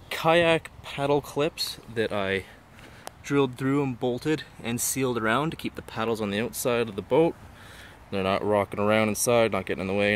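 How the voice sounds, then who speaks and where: Casual low-voiced man outdoors. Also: slight background noise. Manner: enthusiastic, plain-spoken. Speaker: angler showing his canoe. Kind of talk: casual walkthrough. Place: outdoors on a lawn. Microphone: handheld phone camera.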